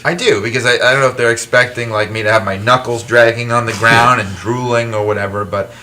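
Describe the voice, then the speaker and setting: A fast-talking man with a medium-pitched voice, recorded with a little hiss or hum, guests on a casual talk show as an author and wrestling historian. His storytelling is animated and self-deprecating, with frequent restarts.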